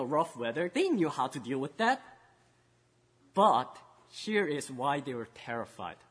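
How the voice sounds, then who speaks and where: A male pastor giving a children's sermon, storytelling and swinging between loud emphasis and hushed tones. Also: on the high side, husky, in a large hall.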